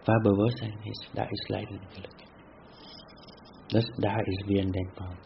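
Male meditation teacher, spiritual talk, halting restarts, lo-fi with light hiss. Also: fairly low pitch, little pitch movement, vocal fry. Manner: deliberate, repetitive phrasing with halting restarts. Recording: dull lo-fi with faint hiss.

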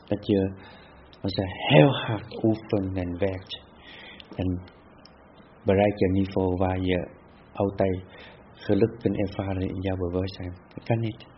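Male meditation teacher, spiritual talk, halting restarts, lo-fi with light hiss. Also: low voice, little pitch movement. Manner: deliberate, repetitive phrasing with halting restarts. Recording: dull lo-fi with faint hiss.

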